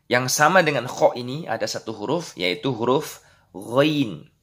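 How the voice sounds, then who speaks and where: A man's voice: mid-range voice, expressive, a little slow, fairly bright tone. A man with an Indonesian accent teaching Quran letter pronunciation, patiently explaining and then drilling syllables aloud. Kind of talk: slow instructional lesson with drills.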